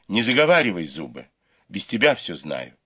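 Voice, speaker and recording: A man reading the part of a stubborn, sharp-tongued young maid in a storybook. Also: low voice, big pitch swings, moderate pace, breathy edge, heavily acted. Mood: impatient. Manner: scolding, curt.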